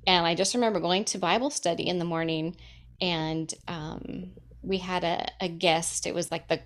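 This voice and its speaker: A woman's voice: on the low side, steady tone, normal speed. A woman in her thirties sharing a personal testimony in casual chat, emotional, laughing often and filling with "like". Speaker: guest.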